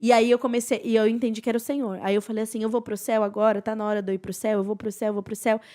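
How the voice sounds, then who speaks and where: A young woman, a podcast guest telling a personal testimony in an earnest, emotional way with soft, hushed passages. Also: fairly high pitch, little pitch movement, racing.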